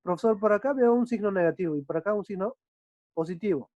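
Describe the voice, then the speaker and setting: A man's voice: sits high, quick pace, dark tone, no room sound, lightly acted. A man voicing a curious secondary school student who asks the teacher puzzled questions. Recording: dull dry lo-fi recording.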